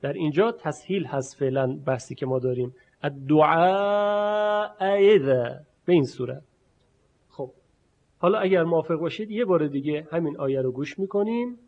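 A man teaching a spoken lesson who explains patiently and then slowly says sounds aloud as examples. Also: fairly high pitch, lively intonation, dark tone. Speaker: recitation teacher. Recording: muffled lo-fi recording.

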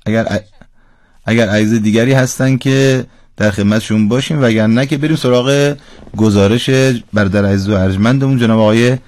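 A man with a somewhat low voice hosts a call-in radio lesson from a dry, close studio. He speaks patiently and corrects pronunciation with exact detail. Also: a little mellow, no room sound. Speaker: radio Quran recitation teacher.

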